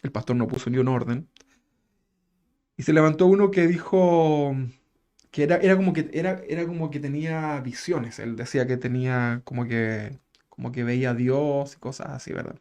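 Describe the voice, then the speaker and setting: A man preaching a sermon in a relaxed, conversational way, chuckling as he tells a story and tagging his phrases with questions. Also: medium pitch, moderate pace. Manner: conversational, tag questions after nearly every phrase; chuckles while telling a story.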